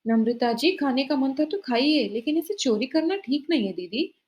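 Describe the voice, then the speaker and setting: A woman's voice: high-pitched, animated, normal speed, dull audio. A woman voicing a greedy, scheming young daughter-in-law who talks sweetly while shifting blame. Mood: sly.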